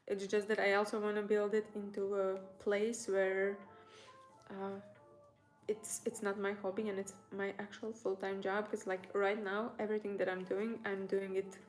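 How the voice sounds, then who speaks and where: This medium-pitched speaker is a Latvian native speaker of Latvian who makes crochet tutorials and hosts livestreams. Her casual stream chat is rambling and hesitant, with thoughts left unfinished.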